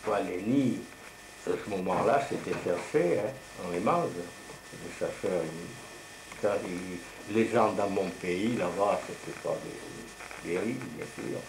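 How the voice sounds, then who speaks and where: A deep-voiced man in his 70s or older takes his time, slowly spinning casual, meandering tales of years gone by in a grandpa's colloquial style. The recording was made at home in the living room with a camcorder microphone across the table, and it's noisy and roomy.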